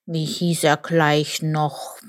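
Woman playing a slow, grumbling, forgetful old buffalo for a storybook, lowish voice. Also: little pitch movement. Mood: grumbly.

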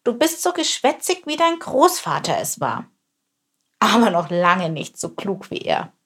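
A woman's voice: mid-range voice, a little slow, breathy edge. A woman voicing a wise old male lion who grumbles and speaks solemnly. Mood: grumbling.

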